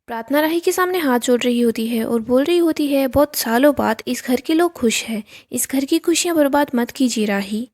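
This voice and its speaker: A woman reading a scripted recap of a TV serial, telling the scenes and reading the characters' lines aloud in an even storytelling tone. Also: high-pitched, brisk, hardly any pauses.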